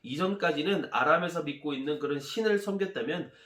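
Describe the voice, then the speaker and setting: A man, a pastor, telling a Bible story in a sermon with animated voices and sound effects. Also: on the high side, a little fast, echoey room.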